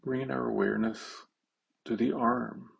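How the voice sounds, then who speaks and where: A man leading a slow guided meditation, halting, with long pauses and simple phrasing. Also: mid-range voice, steady tone, creaky, breathy edge, muffled recording.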